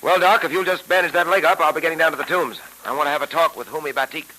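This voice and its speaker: An actor in old radio drama style playing a principled, stoic police detective with a crisp, authoritative manner. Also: male voice, a little high, steady tone, racing, pushed and bright, low-quality recording. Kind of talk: 1940s radio drama acting. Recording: vintage radio recording.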